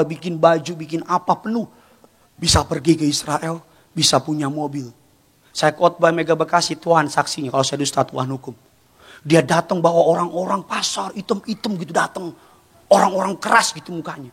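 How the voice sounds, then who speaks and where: A man preaching a sermon in a church hall, animated storytelling that often rises to shouts. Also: on the high side. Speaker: pastor.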